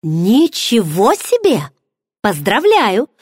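Bubbly teasing pregnant gal, a lady reading her, higher voice, bouncy tune, dry sound. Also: very animated, measured pace, darkish tone, no echo. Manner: teasing, bubbly, pushy questions. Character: teasing pregnant young woman friend, nosy, playful.

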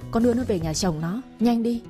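Cast: a blunt, protective young husband, read by a woman narrator, quick and mellow-toned. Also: on the high side, faint music behind, voice pushed up, close to an everyday voice. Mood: angry. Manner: blunt and commanding. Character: young man, protective husband, hot-tempered.

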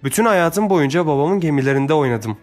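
A man's voice: a little high, animated, fairly quick, faint music behind, voice pushed up, close to an everyday voice. A brave young girl speaks with resolve in an audiobook adventure, voiced by a male narrator. Her tone stays firm and plain. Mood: resolute. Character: brave young girl, daughter of a sea captain.

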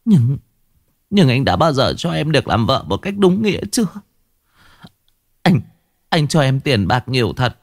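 A man's voice: high voice, lively intonation, unhurried, long pauses, no echo, clean studio sound, voice pushed up, full character voice. A man voicing a pleading young woman, an unfaithful wife who stammers and sobs as she begs. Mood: reproachful. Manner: stammering, begging. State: sobbing.

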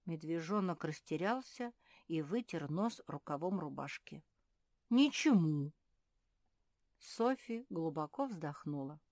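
A woman narrating a children's audiobook in a slow, clear storytelling manner. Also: low voice, lively intonation, darkish tone, no room sound, studio quality.

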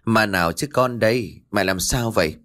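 A man voicing a grown son who calmly reassures his mother, in an audiobook story. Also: on the low side, normal speed, soft background music, close to an everyday voice. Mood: patient. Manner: calm, gently explaining. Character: adult son, patient and reassuring.

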